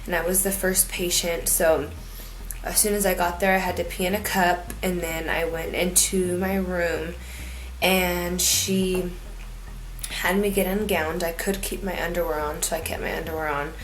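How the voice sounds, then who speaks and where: A woman's voice: lowish voice, level tone, moderate pace, low-quality recording. A woman talking casually in a personal vlog, in a rambling, informal, folksy way. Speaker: vlogger.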